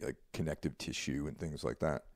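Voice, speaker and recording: A man co-hosting a podcast in casual chat, relaxed and rambling, often asking "you know what I mean?". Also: a bass voice, a little fast, no room sound, studio quality. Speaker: podcast co-host.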